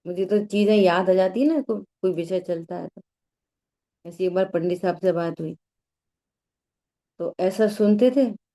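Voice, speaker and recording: A woman teaching a religious study class, explaining slowly and often asking the listeners questions. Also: lowish voice, dark tone.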